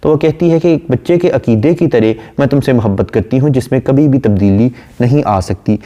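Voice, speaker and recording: A man, lecturing on a poem and explaining it line by line, reading the verse slowly. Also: mid-range voice, mellow, lo-fi sound. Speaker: literature lecturer.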